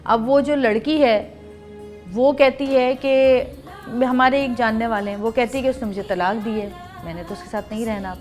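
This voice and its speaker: A woman's voice: a little high, fairly even intonation, a little mellow, soft background music. A woman with a Pakistani Urdu accent hosting a TV talk show, who sets up her questions by recounting cases. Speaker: host.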